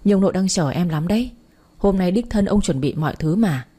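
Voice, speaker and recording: A woman voicing a calm, reassuring young man who coaxes his girlfriend in a spoken story. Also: lowish voice, a little fast, slightly rough. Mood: coaxing. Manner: gentle, coaxing.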